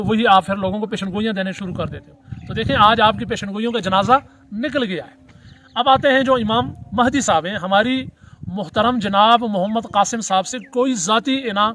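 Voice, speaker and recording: A man's voice: high-pitched, a bit bright. A middle-aged man, a cleric and mufti speaking, gives a sarcastic, formally polite religious commentary in a video. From Pakistan.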